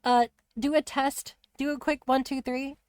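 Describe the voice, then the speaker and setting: A woman streamer chatting casually about a video game, rambling and animated with lots of fillers. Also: high voice, measured pace, no room sound. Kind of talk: casual spoiler chat on a live stream.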